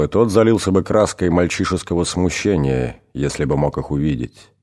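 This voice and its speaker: A man narrating an audiobook in a measured, dramatic reading. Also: sits low, darkish tone. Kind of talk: scripted narration.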